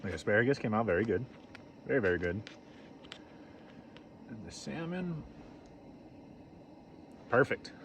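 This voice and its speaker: A camping vlogger at an outdoor campsite chats casually to the camera while cooking, talking through what he's doing in a mid-range, sing-song voice. He speaks a little slowly with long pauses, against noisy outdoor ambience.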